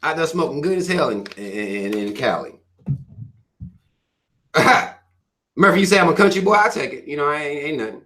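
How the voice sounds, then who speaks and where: A man from the Carolinas with a Southern American accent, talking in a loose, profane livestream rant. His voice sits a little high for a man and comes across bright and forceful, with a hard, blunt edge. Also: animated, moderate pace, long pauses. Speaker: channel host reading viewer comments.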